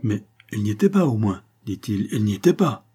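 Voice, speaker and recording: Young Russian count, furious and jealous, low dark husky tone; man reading. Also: big pitch swings, fairly quick, heavily acted. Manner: agitated, vehement outbursts. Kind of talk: audiobook character reading.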